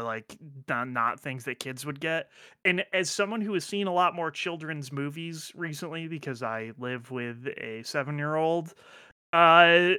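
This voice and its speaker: A man's voice: on the high side, sharp tone, clear, resonant tone, dry recording, clean studio sound. A man hosting a podcast in casual chat, rambling with lots of fillers, restarts and offhand swearing. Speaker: podcast host.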